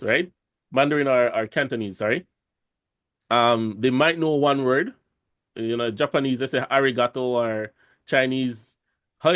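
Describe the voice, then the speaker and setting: A man's voice: medium pitch, no room sound, studio quality. A Jamaican man talking casually on a podcast, rambling with many fillers and restarts. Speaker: podcast host.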